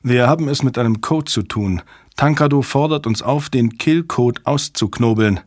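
A man reading an audiobook, voicing a tense, quick-witted woman cryptographer in a raised, insistent voice. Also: medium pitch, no echo, clean studio sound, lightly acted. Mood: firm. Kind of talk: audiobook character voice.

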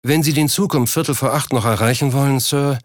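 A man's voice: medium pitch, fairly quick, no echo, clean studio sound, pitched above the performer's own voice, natural voice. A man reading an audiobook, voicing a formal, deferential male chauffeur in a slightly raised voice. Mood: polite. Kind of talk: audiobook character voice.

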